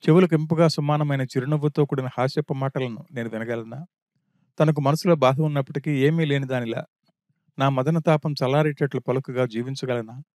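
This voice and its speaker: A man's voice: mid-range voice, darkish tone, no room sound, clean studio sound, natural voice. A man voicing a grieving prince who laments his lost wife in a stream of anguished questions.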